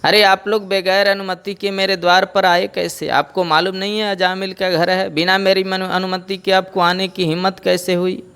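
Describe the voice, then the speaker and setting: A man's voice: mid-range voice, fairly even intonation, a little slow, clean tone. A man playing a hot-tempered bandit householder, blustering and defiant. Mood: furious. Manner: blustering, shouting.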